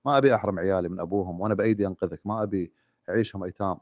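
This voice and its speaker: A long-suffering young wife , voiced by a man who speaks softly and pleadingly. The voice sits low and moves very fast. The recording is dry and close. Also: fairly even intonation, no echo, lightly acted. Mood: tender.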